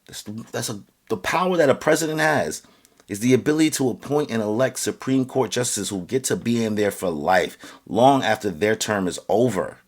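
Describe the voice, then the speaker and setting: In front of the camera, a man who vlogs rants earnestly about his opinion, hesitating with frequent fillers and restarts. As he gets heated, he grows both louder and higher.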